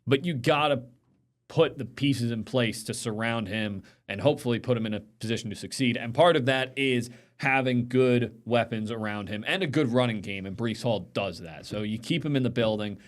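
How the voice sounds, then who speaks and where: A man's voice: mid-range voice, moderate pace. A man co-hosting a casual sports talk show, agreeable and analytical, often answering with short affirmations.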